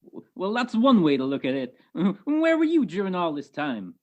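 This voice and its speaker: In a radio detective play, a woman voices a suspicious old male police sergeant who needles others in tough-guy slang. Her voice is fairly low, sing-song and warm at a normal pace, heard through a muffled video-call recording.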